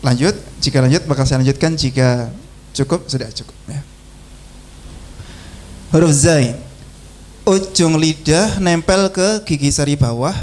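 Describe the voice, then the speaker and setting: A man teaching Quran recitation in a mosque class, drilling syllables slowly and reciting aloud. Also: a little high, a little mellow. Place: mosque by a busy road. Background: faint traffic hum.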